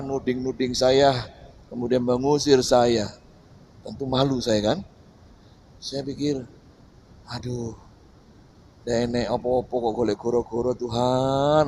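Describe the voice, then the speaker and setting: A man preaching a Sunday church sermon as pastor, dropping to a hush and then rising to loud, emphatic preaching. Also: mid-range voice, slight background noise. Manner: swings between hushed and loud, emphatic preaching. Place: church service.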